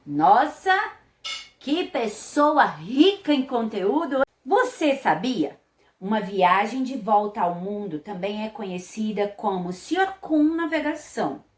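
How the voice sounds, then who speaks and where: A Brazilian woman teacher giving an online class to children, explaining a text slowly and patiently, often checking with "né?". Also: medium pitch, a little mellow, echoey room. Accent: Brazilian Portuguese. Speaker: primary school teacher.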